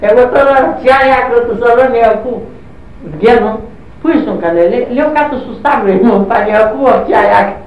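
A woman's voice: on the high side, a little hiss or hum. An older woman recounting memories, acting out quoted dialogue with constant "she says, I say" tags. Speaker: interviewee recalling her youth. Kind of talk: oral history storytelling. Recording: echoey, distant, dull lo-fi recording.

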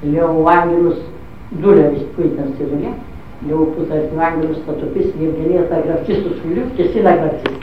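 A woman's voice: sits low, a little hiss or hum. Older woman telling stories in an echoey room. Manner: acts out quoted dialogue, constant "I say, she says" tags. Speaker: interviewee recalling her youth. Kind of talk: oral history storytelling. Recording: echoey, distant, dull lo-fi recording.

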